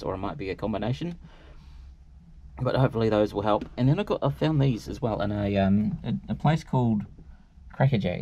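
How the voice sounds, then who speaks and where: Sitting in a car, a male vlogger rambles casually to a camera held at arm's length while taste-testing food. His voice is fairly low and warm, and the in-car audio sounds dull and noisy.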